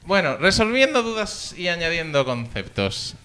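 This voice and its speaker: A man's voice: a little high, big pitch swings, moderate pace, sharp tone, clear, resonant tone. A man with a Spain accent co-hosting a podcast, chatting casually and jokily and reading out listener mail. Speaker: podcast co-host.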